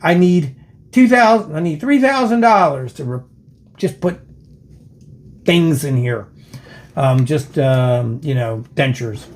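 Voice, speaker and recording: An older man with an American accent and a fairly high-set voice talks casually to his viewers. Missing teeth leave his F and S sounds soft and lisped. He speaks haltingly, wandering off and circling back as he goes. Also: animated. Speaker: video channel host, former police officer. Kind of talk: casual rambling vlog.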